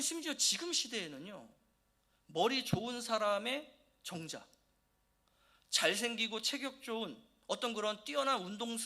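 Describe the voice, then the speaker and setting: High, lively-voiced male pastor preaching. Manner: asks the congregation many rhetorical questions. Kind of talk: sermon. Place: church.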